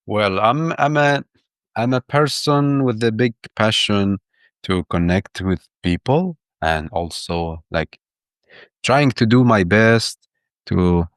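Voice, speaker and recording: This podcast guest, an urban planner from Iraq in his thirties, chats in a casual interview with plenty of enthusiasm, often going back and repeating himself. He speaks slowly in a lowish voice with lively intonation, captured in clean studio sound without echo.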